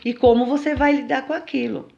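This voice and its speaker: A woman's voice: high voice, fairly quick, gravelly, dull audio. Chatty Brazilian woman teaching. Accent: Brazilian Portuguese. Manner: conversational, lively, often asks "né?". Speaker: teacher at a spiritual temple. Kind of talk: informal spiritual lesson.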